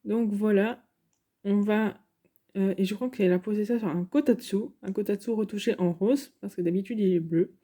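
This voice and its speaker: A woman's voice: mid-range voice, normal speed, mellow. A woman giving casual, chatty commentary over game footage, hesitant and full of fillers. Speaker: gaming YouTuber.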